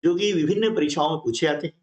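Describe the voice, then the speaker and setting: Man, grammar teacher, fairly high voice, explanatory, checks in often. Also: very fast, a little mellow. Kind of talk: exam-prep grammar lesson.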